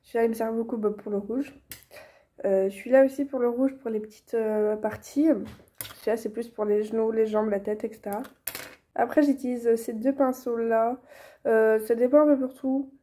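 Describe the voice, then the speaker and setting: A young woman talks casually, explaining step by step. Her voice sits a little high but sounds soft and mellow. She hesitates often and restarts her sentences. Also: fairly even intonation, normal speed. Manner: chatty, many fillers and restarts. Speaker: vlogger teaching reborn doll painting. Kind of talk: casual tutorial chat.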